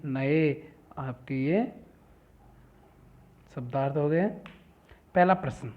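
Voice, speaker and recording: A man teaching a lesson, reading each word aloud and then giving its meaning. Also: fairly high pitch. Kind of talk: classroom lesson explaining Sanskrit words. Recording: tinny phone-like audio.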